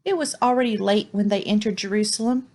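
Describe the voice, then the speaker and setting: A woman reading a children's story aloud in a clear, expressive storybook manner. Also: mid-range voice, quick pace.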